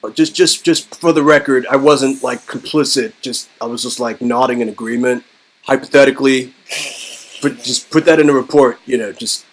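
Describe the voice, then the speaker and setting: A man reads a story game aloud, casual and wry, mixing dramatic narration with informal banter. His mid-range voice moves at a moderate pace. The audio quality is poor.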